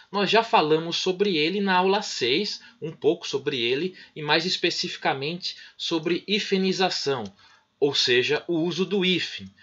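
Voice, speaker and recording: A middle-aged Brazilian man teaches in an explanatory way, often checking that the listener is following. His bright voice has a husky edge, and his pitch rises and falls with lively swings. The recording sounds dull and lo-fi. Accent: Brazilian Portuguese. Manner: explanatory, frequent "né?" and "certinho?" check-ins. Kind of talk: recorded online micro-lesson.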